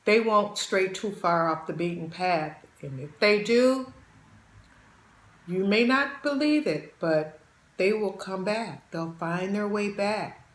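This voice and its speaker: Chatting casually between bites, this channel host in her 60s dishes out homespun, motherly advice and calls her viewers babies. She speaks slowly in a mid-range voice, and the sound is reverberant.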